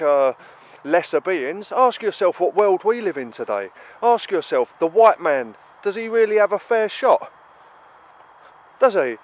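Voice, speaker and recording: This high-pitched British man, stuffy from a cold, vlogs a fiery, emphatic rant, hammering the same rhetorical questions again and again.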